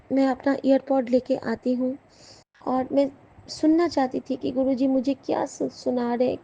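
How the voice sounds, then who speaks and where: A woman's voice: high-pitched, creaky, warm tone, highs cut off. Earnest woman sharing a devotional testimony. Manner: earnest, emotional, addresses listeners as sangat ji. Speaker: satsang speaker.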